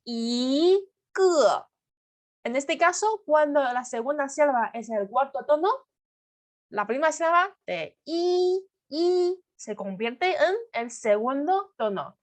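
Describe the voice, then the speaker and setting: A woman teaching a language lesson, speaking slowly and patiently and repeating syllables with exaggerated tones. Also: high-pitched, expressive. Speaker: Mandarin teacher.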